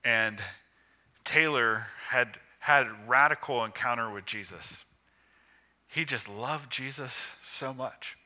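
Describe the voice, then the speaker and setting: A man preaching a sermon with emphatic, measured phrasing broken by pauses. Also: mid-range voice, pushed and bright.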